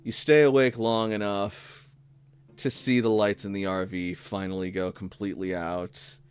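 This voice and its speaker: A man narrating a tabletop role-playing game as game master, measured, with pauses mid-sentence. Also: lowish voice, flat delivery, smooth, soft background music.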